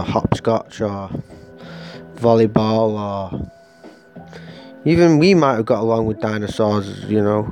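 A man's voice: lowish voice, dark tone. A man, hosting a podcast in a rambling, profane, jokey solo rant. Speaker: podcast host.

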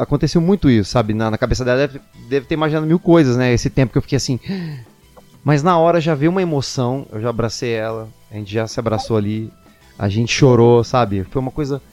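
A young man, a singer telling a personal story casually and animatedly, acting out what people said. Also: medium pitch. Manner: animated, quotes people in excited voices.

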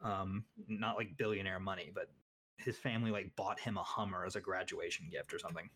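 Young male co-host, lower register, casual and opinionated, self-deprecating. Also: fairly even intonation, brisk, fairly bright tone, slightly rough. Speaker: podcast co-host. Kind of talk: casual sports chat.

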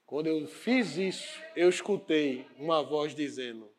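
Animated male preacher, higher voice, storytelling sermon, acts out the dialogue. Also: a little slow.

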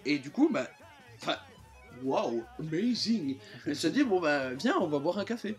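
A man's voice: a little high, very animated, moderate pace, soft background music. A young man co-hosting a casual chat, telling a story animatedly and laughing often. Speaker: podcast co-host.

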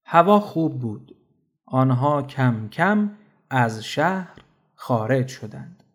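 A man narrating a children's storybook in a steady, clear storytelling manner. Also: medium pitch.

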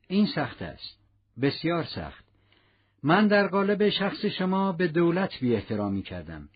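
A stern, unbending police inspector, read by a man with a husky, lively voice that sits a little low. He speaks gravely and formally, pressing his point. The audio is dull and lo-fi. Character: stern male police inspector, rigid and self-punishing.

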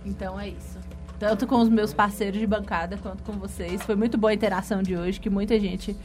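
A woman's voice: medium pitch, fairly even intonation, a little fast. Brazilian female radio co-host, mid voice, teasing chatter, faint music behind. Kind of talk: casual banter on a live radio show.

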